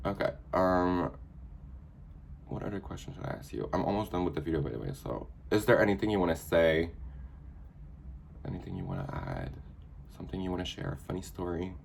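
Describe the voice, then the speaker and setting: Twenties male vlogger, deep-voiced, teasing and blunt, casual chat. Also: big pitch swings, fairly quick, gravelly, long pauses, slight background noise. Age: 20s. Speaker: vlogger host.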